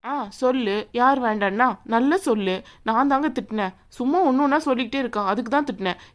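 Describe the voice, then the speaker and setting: A woman voicing a haughty young bride in a cartoon, sharp and sneering as she bosses others around. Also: a little high, fast, lightly acted. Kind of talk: cartoon voice acting.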